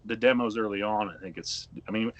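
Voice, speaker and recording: A man co-hosting a band's podcast, chatting casually with excitable bursts and easy laughter. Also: on the low side, brisk. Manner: excitable, loud outbursts and laughter. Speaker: podcast co-host, band member. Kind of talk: casual chat.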